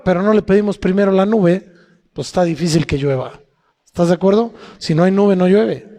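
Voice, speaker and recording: A man's voice: high voice, dark tone. A man with a Mexican accent preaching a sermon in a conversational way, often asking the congregation questions. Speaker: pastor. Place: church hall. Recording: long church hall reverb.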